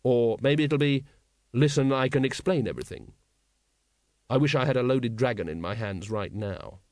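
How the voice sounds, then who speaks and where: A man reading an audiobook, voicing a weary, sardonic middle-aged watch captain in a dry, lowish voice. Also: moderate pace, a little mellow, dry recording, close to an everyday voice.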